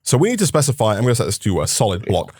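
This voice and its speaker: A chatty man explains game mechanics to his co-host, with fillers as he thinks. His pitch swings widely as he talks. The sound is dry and close. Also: very animated, very fast, a little mellow, no room sound. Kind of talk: casual gaming chat.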